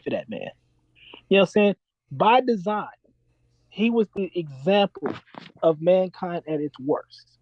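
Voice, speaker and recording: Forties guy preaching his ideas in a chat, keeps repeating himself, higher voice. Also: lively intonation, a little slow, pauses often, dry recording, muffled recording. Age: 40s. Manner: earnest, preachy, repeats key phrases. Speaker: self-described minister and philosopher. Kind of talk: casual interview talk.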